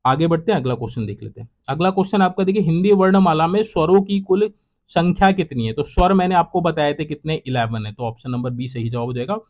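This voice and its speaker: A man's voice: quick pace, a little mellow. Repetitive young male quiz teacher. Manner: repetitive, drops to a low trailing voice at each close. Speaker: exam prep teacher. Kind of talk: solving quiz questions aloud.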